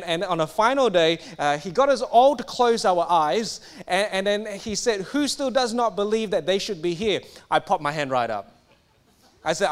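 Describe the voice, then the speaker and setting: A young man from Singapore delivers a sermon in a high, light voice. He talks with emphatic energy, often stumbling and repeating words before pushing on. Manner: animated, emphatic, with stumbles and restarts. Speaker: preacher.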